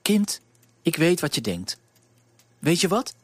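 A man voicing a kind, motherly baker's wife in a storybook reading, gently scolding and warm-hearted. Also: a little high, very animated, takes it slowly, breathy edge, no room sound, pitched above the performer's own voice, full character voice.

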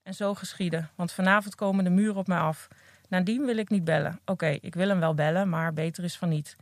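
Reading her own book aloud, this recovering addict tells her story in a candid, earnest first-person voice. Her pitch sits on the low side, her pace is a little fast, and her intonation stays fairly even. A podcast mic placed close gives a dry sound.

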